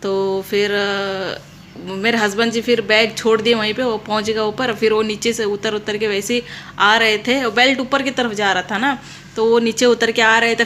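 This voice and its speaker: Chatty bright-voiced young Rajasthani Hindi woman. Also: mid-range voice, slight background noise. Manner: chatty storytelling with many restarts. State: back pain. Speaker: vlogger. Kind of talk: casual chat to camera. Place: at home.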